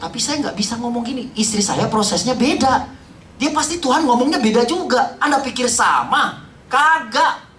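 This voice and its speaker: A man's voice: extremely high pitch, animated, normal speed. Impassioned man testifying in an echoey hall. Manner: impassioned, addresses the congregation directly, drops to hushed tones. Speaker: testimony speaker at a church. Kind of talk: emotional church testimony. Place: church hall. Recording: roomy hall, voice from far off.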